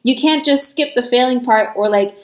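High-voiced woman giving a frank tarot reading. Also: moderate pace, echoey room, rough recording. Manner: frank, rambling, reassuring, lots of fillers. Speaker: tarot reader.

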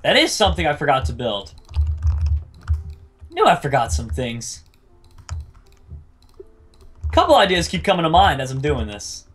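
A man's voice: a little high, big pitch swings, measured pace, long pauses, a bit bright, husky. A man in casual gameplay chat, bantering playfully and repeating his phrases. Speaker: gaming video host and player.

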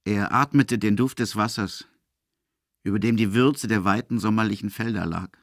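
A man with a fairly low voice reads literary narration for an audio drama at a moderate pace. The recording is dry, with no room sound at all.

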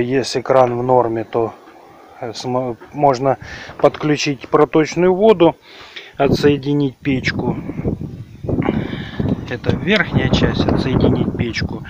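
A man with a Ukrainian accent talks through a car repair outdoors, filming his own hands on a handheld camera. His pace is slow, and his talk is plain and rambling, with mid-range pitch. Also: a little hiss or hum, poor audio. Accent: Ukrainian-accented Russian. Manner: unhurried, rambling, plain-spoken. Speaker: car repair video host. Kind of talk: casual how-to vlog.

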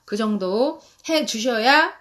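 A woman in her thirties hosting a live-stream guide for parents, talking in an animated way and reading English phrases slowly. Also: fairly high pitch.

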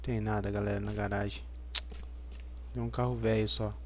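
A man's voice: on the low side, flat delivery, normal speed, a little mellow, highs cut off, slight background noise. A man in his thirties with a Brazilian accent, commenting live as a scared horror game streamer on a headset mic. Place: indoor room at home.

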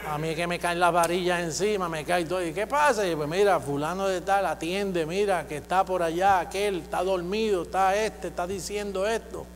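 A man preaching a sermon, exhorting his listeners and building to loud, repeated declarations. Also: high voice, moderate pace, hardly any pauses. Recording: echoey hall with faint hum.

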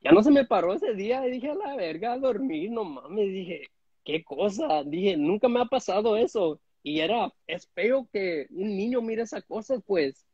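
A man tells crude stories from home, stumbling through restarts. His voice sits high and sounds husky. The phone audio is dull and dry. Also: lively intonation, moderate pace, darkish tone, dry recording. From United States. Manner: crude, rambling, many restarts. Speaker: guest caller on a live stream. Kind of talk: casual chat. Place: indoor room at home. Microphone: phone front camera at arm's length.

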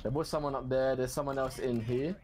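A man's voice: mid-range voice, fairly even intonation, a little fast, darkish tone, a little hiss or hum. A man in casual squad voice chat during an online shooter, calling out enemies and repeating words under pressure. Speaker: gamer in a squad.

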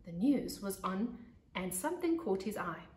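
Seated on a couch beside big living room windows, a South African woman in her thirties who teaches pre-primary reads a children's story aloud. Her mid-range voice carries expressive, deliberate emphasis like a teacher at storytime, captured by a camera mic about two metres off in an echoey space.

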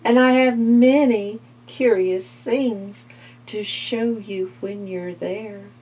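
A woman voicing a cunning male spider in a read-aloud storybook, coaxing in a slow, honeyed way. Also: mid-range voice, steady tone, a little mellow, a little hiss or hum, pitched above the performer's own voice, lightly acted. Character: cunning male spider, smooth sweet-talker.

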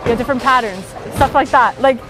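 Interviewed in a bowling alley, a teenage high school bowler speaks fast in a fairly high voice, chatting about bowling in a bubbly, casual way full of fillers. The recording is rough, with crowd noise and music playing beneath her.

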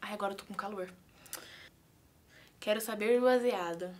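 A young woman with a Brazilian accent giggles nervously through a casual prank vlog in which she's pranking her mother. She sounds anxious, speaking at normal speed in a medium-pitched, slightly mellow voice.

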